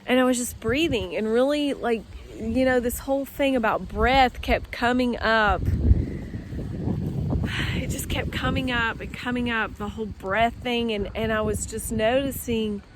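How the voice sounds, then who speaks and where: A woman's voice: fairly high pitch, slight background noise. A woman talking casually to her viewers while out of doors, rambling with many fillers and restarts. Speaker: vlogger. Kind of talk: casual outdoor vlog talk. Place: outdoors with trees and her dogs.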